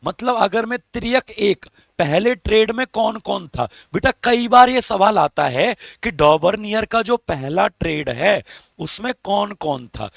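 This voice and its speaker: A man's voice: sits high, lively intonation, a little slow, creaky, dry recording, studio quality. A male teacher, giving a live exam-prep lesson, coaxing students for answers and talking through a strained throat. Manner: coaxing, calls students beta and babu, asks for comments.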